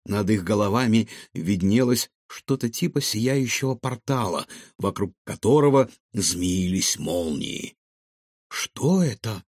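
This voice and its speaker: A man narrating a children's storybook in an expressive way. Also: lowish voice, unhurried, creaky, hardly any pauses, no room sound, studio quality. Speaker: audiobook narrator.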